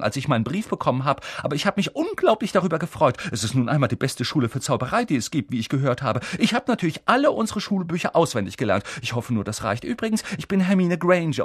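A bossy little know-it-all schoolgirl, put on by a man, her voice pushed way up high and swooping all over. She talks in a commanding, breathless torrent, like she's read every book there is. Dry, close storybook recording. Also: slightly rough, no echo, full character voice. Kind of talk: audiobook character voice.

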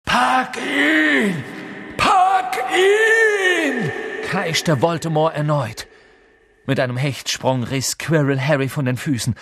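A man reading an audiobook aloud in an expressive, dramatic storytelling manner. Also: on the high side, dry recording, clean studio sound. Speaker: audiobook reader. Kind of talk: scripted audiobook narration.

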